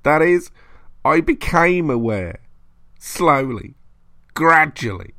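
A vengeful male spirit, reborn again and again,. His rasping voice sits far above an ordinary speaking pitch, strained and unnatural in tone, hissing and menacing. Captured in a dry, close recording with no room sound. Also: sing-song, slow, bright, forceful tone, no echo, heavily acted. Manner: menacing, rising to bellowing shrieks. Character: vengeful reincarnated male spirit, hateful and ranting. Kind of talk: audiobook character voice.

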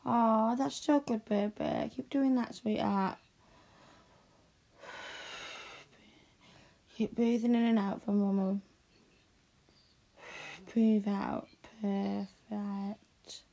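A woman talks in a hushed, unhurried ASMR roleplay, calming and tender. Her voice is mellow and gravelly with fry at the edges. She often sinks into whispers. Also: mid-range voice. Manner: soft, soothing, slow and hushed, often drifting into whispers.

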